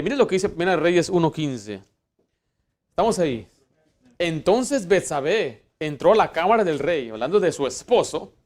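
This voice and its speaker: A man delivers a church sermon with a voice that sits a little high. He hammers his points emphatically, then sinks into hushed asides, often restarting his sentences as he goes. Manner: emphatic preaching, rising for Bible quotes and dropping to hushed asides; fillers and restarts. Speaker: pastor.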